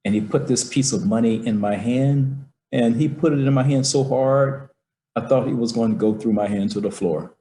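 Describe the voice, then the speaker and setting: A middle-aged man telling a personal story slowly and with emphasis, acting out his father's words, recorded in his office. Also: medium pitch, mellow, roomy sound.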